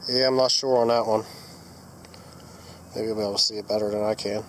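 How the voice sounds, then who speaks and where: Speaking fairly quickly in a lowish, steady voice, a man with a cold describes what his metal detector turns up in the woods and a yard. He keeps things plain and upbeat, addressing viewers casually as he digs, and the recording has a little hiss or hum.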